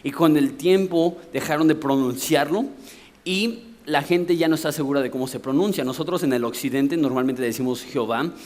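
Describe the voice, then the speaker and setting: A man's voice: fairly high pitch, moderate pace, darkish tone. A Mexican man preaching a sermon from the pulpit, explaining things in a conversational way and asking rhetorical questions. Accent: Mexican Spanish. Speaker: pastor.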